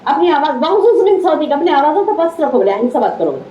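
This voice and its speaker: A woman from India with a Deccani Urdu accent gives a conversational Islamic lecture as a religious teacher, repeating her key phrases. Her voice sits high and sing-song, and she talks very fast. The hall recording sounds roomy and slightly dull, with a little background noise.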